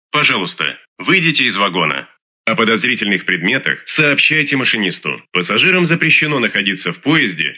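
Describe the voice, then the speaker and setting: A man making recorded subway announcements as a train announcer, formal, measured and clearly enunciated. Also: on the low side, bright, forceful tone, no room sound, studio quality.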